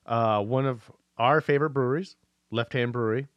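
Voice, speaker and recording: A man's voice: medium pitch, brisk, no echo, lo-fi sound. A man from the US Pacific Northwest co-hosting a podcast in easygoing, rambling casual chat. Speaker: podcast co-host.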